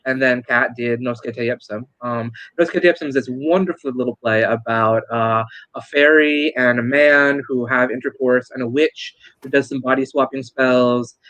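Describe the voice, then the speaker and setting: A man explains his work with eager enthusiasm, dotting his speech with uhs and ums. His voice has a middling pitch and a dry, close sound with no room echo. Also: fairly even intonation, normal speed, few pauses, a bit bright. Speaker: co-host and playwright. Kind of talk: casual explaining.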